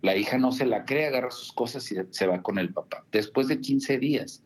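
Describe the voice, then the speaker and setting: A family counselor appears as a guest on a radio talk show, speaking at a moderate pace with a medium-pitched voice. He tells stories chattily, full of asides and tag questions.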